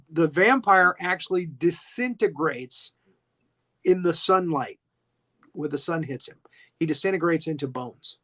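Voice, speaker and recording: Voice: mid-range voice, a bit bright. A podcast host giving a casual movie recap, chatty and giggly, full of asides.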